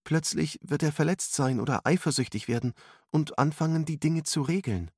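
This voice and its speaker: A man's voice: fairly high pitch, moderate pace, darkish tone, husky, no room sound, studio quality, pitched above the performer's own voice. A man voicing a nervous young woman who frets and doubts herself, read as part of a storybook narration. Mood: fretful. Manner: anxious, fretful.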